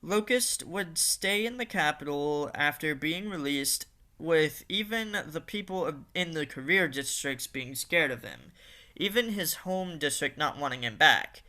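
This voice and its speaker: A man's voice: on the high side, animated, measured pace, bright, forceful tone. A man narrating a fan-made story in a casual reading style, with occasional fillers and restarts.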